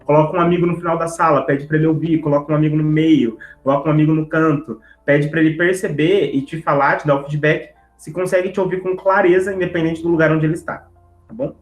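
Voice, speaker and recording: A man teaching public speaking in an online class, talking fast and lively and checking in with the audience as he goes. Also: on the high side, echoey room, soft background music, low-quality recording. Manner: lively, talks straight to the audience with tags like "tá?" and "né?"; brisk, speeding up on purpose to fit the content in. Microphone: video call setup.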